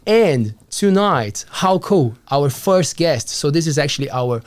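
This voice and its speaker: A man's voice: on the high side, lively intonation, measured pace. A man in his thirties hosting a live studio show, talking in a friendly, upbeat way with many fillers. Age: 30s. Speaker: show host. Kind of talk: casual live show chat. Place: small studio.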